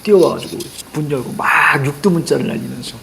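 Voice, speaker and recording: Man, middle-aged, teacher, classroom lecture, chatty storyteller, higher voice, faint background hiss. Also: expressive, quick pace, gravelly, darkish tone. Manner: chatty, tells stories and acts out quotes with a raised voice.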